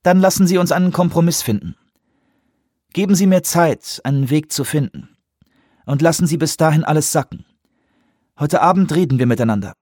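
Firm insistent female commander, raised pitch, husky edge, dry close sound, as a male narrator puts her on. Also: expressive, a little mellow, no room sound. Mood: persuasive. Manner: insistent, measured pleading. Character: female commanding officer, controlled, persuasive.

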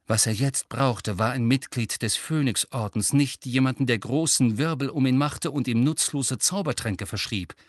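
A man narrating an audiobook in a measured, dramatic reading. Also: mid-range voice, no room sound, studio quality. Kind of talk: scripted narration.

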